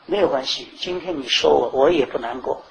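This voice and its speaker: A man preaching a sermon, telling stories from his own life and swinging between loud, high bursts and quiet asides. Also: a little fast, vocal fry, slight background noise, rough recording. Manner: animated, rising and falling sharply in pitch and volume.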